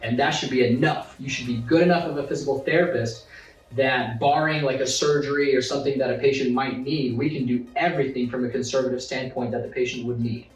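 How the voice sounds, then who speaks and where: A man's voice: medium pitch, steady tone, fairly quick. A man who teaches physiotherapy, talking earnestly in a casual interview with some filler words. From Zimbabwe. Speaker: physiotherapy course instructor. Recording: roomy room, distant mic, faint music.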